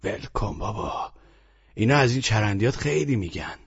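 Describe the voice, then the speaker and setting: A man's voice: on the low side, animated, gravelly, husky, highs cut off, pitched above the performer's own voice, heavily acted. A man voicing a rude, weary young man who answers curtly and sarcastically in an audiobook story. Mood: gruff. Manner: curt, cursing, sarcastic.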